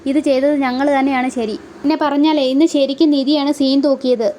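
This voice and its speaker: A woman's voice: sits high, flat delivery, normal speed, a little hiss or hum, close to an everyday voice. A woman voicing a bold, outspoken young married woman who answers back defiantly in a retold serial. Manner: defiant, sharp retorts.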